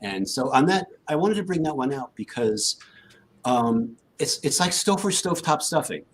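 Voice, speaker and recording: A man hosts a live stream at a middle pitch. He rambles in an easy, conversational way and peppers his sentences with "like". He cues up segments and chats with his co-hosts. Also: sing-song, normal speed, slightly rough, poor audio. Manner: loose and conversational, full of "like". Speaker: host. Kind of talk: casual live-stream talk.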